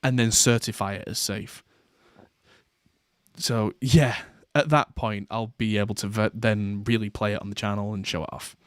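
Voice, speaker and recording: A man's voice: fairly low pitch, fairly even intonation, moderate pace, no echo, studio quality. A man hosting a podcast, talking casually in a rambling way with plenty of fillers and restarts. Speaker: podcast host. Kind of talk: casual chat.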